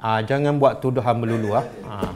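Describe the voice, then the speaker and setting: A man with a Malaysian Malay accent preaching a religious lecture, firing rhetorical questions at his listeners in an animated way. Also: mid-range voice, brisk, a crowd in the background.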